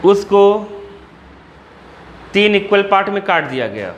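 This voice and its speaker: A man's voice: high voice, very animated, unhurried, dull audio, a little hiss or hum. A man with an Uttar Pradesh Hindi accent teaching physics to a class, asking again and again whether the students have understood. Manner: repeatedly checks if students understood. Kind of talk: classroom lecture.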